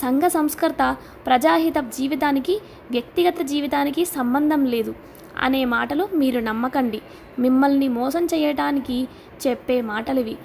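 A woman's voice: high voice, gravelly, darkish tone, slight background noise. A woman reading the part of a defiant man who scornfully harangues a crowd, in an audiobook. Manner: accusing, mocking, relentless.

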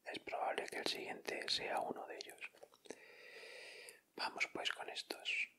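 Opening sticker packs for an ASMR video, this man murmurs brief, relaxed comments near the microphone. He whispers gently and has an accent from Spain.

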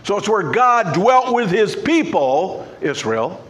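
Pastor guy preaching in church, kinda high voice, repeats words for punch, bit of hiss. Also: big pitch swings, slow pace, a bit bright. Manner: emphatic, repeats key words. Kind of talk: sermon. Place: church sanctuary.

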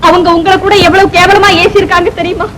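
A woman's voice: very high-pitched, steady tone, fast talker. An actress playing a spoiled young daughter, complaining tearfully to her father. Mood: aggrieved. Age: young adult. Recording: old film soundtrack, loud noise.

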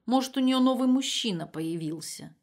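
Woman voicing a calm, wry grown daughter. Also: fairly high pitch, normal speed, voice pushed up. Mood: matter-of-fact.

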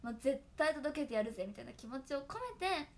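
Talking fast in a high voice with a darkish tone, a young woman who is an idol trainee chats casually with fans on a solo stream. She recites tongue twisters and keeps breaking into giggles.

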